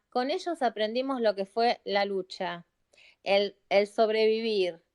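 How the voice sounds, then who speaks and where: A woman's voice: medium pitch, a little mellow, smooth. A middle-aged woman with an Argentine Spanish accent, a psychologist making a heartfelt, pleading appeal to listeners on a live audio chat, repeating phrases for emphasis. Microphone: phone or computer mic in a live audio room.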